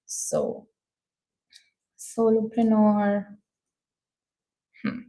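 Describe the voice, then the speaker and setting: A woman's voice: mid-range voice, huge pitch swings, drawn-out words, mellow. A young woman with an Indian accent hosting a casual screen-share tutorial, thinking aloud with many fillers. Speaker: show host.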